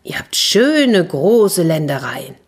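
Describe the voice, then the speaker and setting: A woman's voice: fairly low pitch, sing-song, takes it slowly, breathy edge, exaggerated voice. A genteel wondering king played by a woman. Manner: polite, wondering. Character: amazed fairy-tale king, genteel and curious.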